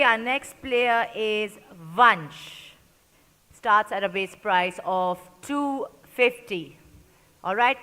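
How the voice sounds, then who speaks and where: Female auctioneer, forceful and fairly high-pitched, calling bids in repeated short phrases, big reverberant hall. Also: clear, resonant tone. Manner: repeats bids and prompts in short, clipped calls. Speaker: auctioneer at a sports player auction. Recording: echoey large hall with long reverb.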